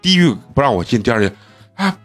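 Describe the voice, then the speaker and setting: A man, a podcast host telling stories in a casual chat, animated and often laughing. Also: medium pitch, very fast, faint music behind.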